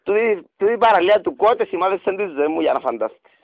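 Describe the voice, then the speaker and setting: A man with a Cypriot Greek accent pleads and rambles theatrically through a radio prank call, cooing pet names. His voice is high and swings widely in pitch. The sound is dry and slightly dull, as from a radio recording. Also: animated, dry recording.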